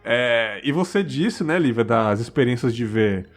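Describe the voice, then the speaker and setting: A man's voice: medium pitch, expressive, measured pace, over a noisy crowd. Chatty São man telling stories. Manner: chatty, peppers talk with "cara" and "né", swears freely; laughs while telling stories. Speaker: podcast host. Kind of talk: casual podcast storytelling.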